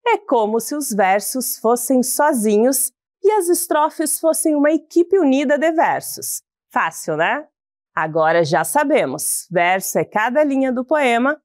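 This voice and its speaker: Slow, lively Brazilian woman teaching kids. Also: on the high side, dry recording, studio quality. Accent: Brazilian Portuguese. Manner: slow, sing-song, addresses pupils as "bonitos". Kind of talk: recorded school lesson.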